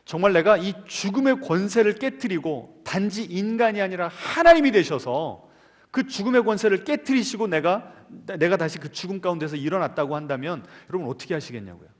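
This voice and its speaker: Pastor guy preaching sunday sermon, highish voice, keeps quizzing the church, lots of echo. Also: brisk. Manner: lively, keeps asking the congregation questions. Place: church sanctuary. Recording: long reverb of a church hall.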